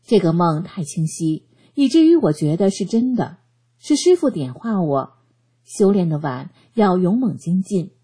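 A woman giving a scripted narration of a first-person testimony, reading in an earnest, steady way. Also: fairly low pitch, measured pace, breathy edge.

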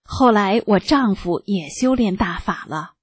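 An older woman telling a first-person testimony in a slow, earnest read-aloud manner. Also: mid-range voice, lively intonation, breathy edge.

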